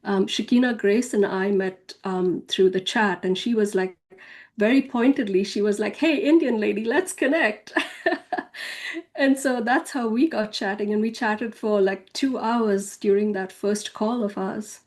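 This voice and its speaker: A woman's voice: mid-range voice, fairly even intonation, measured pace, a little mellow. A woman sharing her spiritual journey in a casual, chatty way, full of fillers like "you know" and "if you will". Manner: acts out quoted speech with a raised voice. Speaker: spiritual author and channel guest. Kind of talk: casual personal storytelling.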